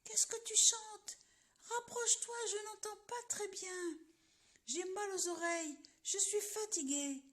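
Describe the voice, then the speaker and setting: A woman voicing a cunning male fox in a children's story, sweet-talking slowly as he pretends to be old and deaf. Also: extremely high pitch, a bit bright, pitched above the performer's own voice, exaggerated voice. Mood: wheedling sly. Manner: sweet-talking, drawn-out and wheedling.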